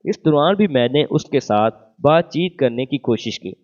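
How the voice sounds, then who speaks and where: A man reading a romantic first-person story as scripted narration, voicing every part in the same even voice. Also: fairly high pitch. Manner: reads all parts in one even voice. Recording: phone-like narrow band.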